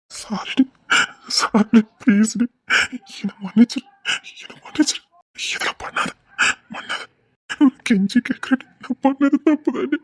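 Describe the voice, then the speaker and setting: A man with a Tirunelveli accent playing a remorseful young husband, pleading in a hushed, tearful voice. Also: extremely high pitch. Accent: Tirunelveli Tamil. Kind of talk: web drama acting.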